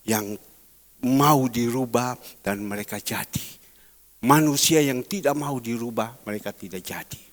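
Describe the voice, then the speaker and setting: A middle-aged man from Surabaya, a pastor giving a sermon, swinging between soft low asides and loud emphatic preaching. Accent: Indonesian, Surabaya. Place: large church hall. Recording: reverberant church hall.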